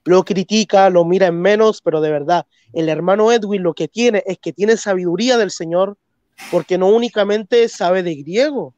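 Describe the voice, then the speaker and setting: Through a muffled recording with no room sound comes a high, slightly mellow male voice at normal speed. He's a Chilean host with a Chilean Spanish accent on a live stream, congested and clearing his throat while he earnestly debates theology, pressing his points and repeating phrases.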